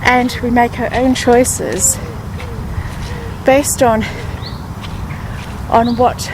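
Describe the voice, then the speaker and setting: Slow-speaking woman guiding a grounding meditation. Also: a little high, level tone, background noise. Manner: slow, pausing grounding-exercise delivery with repeated affirmations. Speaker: meditation guide. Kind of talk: guided grounding meditation with positive affirmations.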